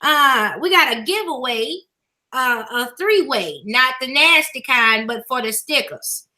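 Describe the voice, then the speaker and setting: A woman's voice: sits high, lively intonation, unhurried, sharp tone, full character voice. A woman host voicing a folksy older church mother who reads announcements and calls everyone baby. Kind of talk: live stream chat.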